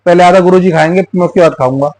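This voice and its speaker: A man's voice: sits high, fast talker, a little mellow, dry recording, natural voice, poor audio. A man voicing a stubborn sly little boy. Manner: whiny, insistent refusals.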